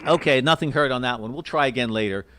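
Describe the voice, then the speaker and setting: A man's voice: mid-range voice, quick pace, fairly bright tone, slight background noise. A courteous, hesitant man operating an amateur radio station, spelling out call signs in phonetics.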